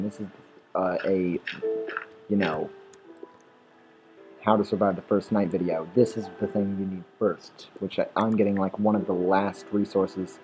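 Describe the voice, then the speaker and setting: A man's voice: on the low side, low-quality recording. A man giving rambling, swear-filled commentary while playing a game, talking at the monsters and restarting his sentences. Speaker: gameplay commentator. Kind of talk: rambling let's-play commentary. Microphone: desktop or headset mic.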